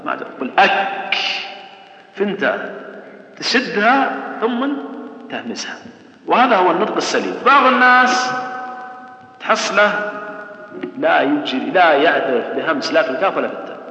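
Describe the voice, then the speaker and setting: A man's voice: fairly high pitch, bright, forceful tone. A man teaching tajweed, who repeats sounds and questions his students. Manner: explains patiently, repeats sounds and asks the class questions. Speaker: Quran recitation teacher. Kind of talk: tajweed lesson. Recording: echoey hall, dull sound.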